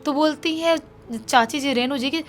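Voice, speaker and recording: A woman's voice: sits high, moderate pace, slight background noise. A young woman casually telling a true horror story, chatty and conversational. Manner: conversational, acts out shouted quotes.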